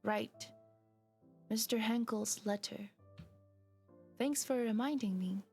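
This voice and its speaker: Woman streamer reading a story game out loud, slow and gravelly, says like and um a lot, faint music behind. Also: fairly high pitch. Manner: chatty, giggly, lots of "like" and "um". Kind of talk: reading a story game aloud while chatting.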